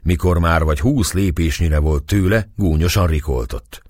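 A man reading a novel aloud as narrator in measured storytelling, husky voice. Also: low-pitched, a little mellow, dry recording, clean studio sound. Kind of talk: audiobook narration.

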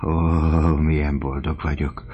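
A man's voice: a bass voice, level tone, warm tone, lo-fi sound, a little hiss or hum. A man playing an emotional old father. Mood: fond. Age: older. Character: doting, fiery old father.

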